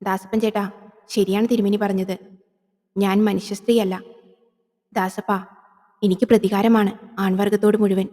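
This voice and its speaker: A woman voicing a vengeful, seductive female yakshi spirit in a horror audio drama, coaxing slowly and intimately. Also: medium pitch, flat delivery, warm tone, in a large hall, natural voice. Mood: luring.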